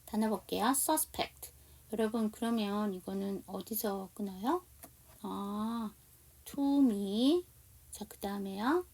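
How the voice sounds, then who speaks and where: A woman teaching English to Korean speakers, reading English lines slowly with a Korean accent and explaining them in Korean, often asking her listeners questions. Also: medium pitch, husky, far from the mic. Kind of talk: slow explanatory language lesson.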